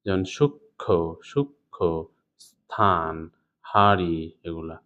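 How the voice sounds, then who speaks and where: His low voice has a clear, resonant tone, little pitch movement and a normal speed. Speaking with a Bangladeshi Bengali accent, he walks students through an exam suggestion lesson one step at a time, frequently asking "ঠিক আছে?" to see if they're following. Writing can be heard as he speaks, on a slightly dull lo-fi recording.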